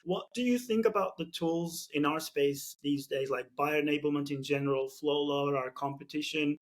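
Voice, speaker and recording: A Turkish man hosts a casual business podcast in English with a Turkish accent, thinking aloud with plenty of fillers and restarts. His voice sits on the high side at a normal speed.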